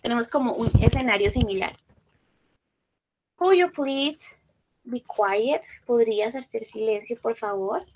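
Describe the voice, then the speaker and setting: A woman's voice: a little high, measured pace, long pauses, a little mellow, low-quality recording. A woman teacher leading a class, patiently repeating and praising student answers.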